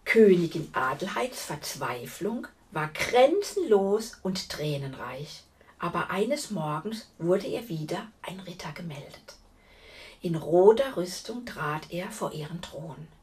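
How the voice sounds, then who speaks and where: A woman reading a fairy tale aloud to children in an expressive way, talking to her listeners directly. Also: on the low side, slow pace, distant mic. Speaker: storyteller.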